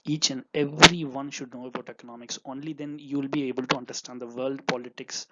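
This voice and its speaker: Teaching economics through examples, a young native Tamil speaker lectures earnestly, full of fillers and repetitions. He talks fast in a medium-pitched, steady, slightly bright voice, captured on a dull lo-fi recording.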